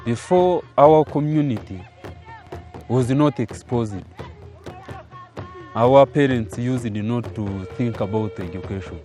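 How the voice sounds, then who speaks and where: A man speaking deliberately about his community in a documentary interview. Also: mid-range voice, expressive, mellow, faint music behind.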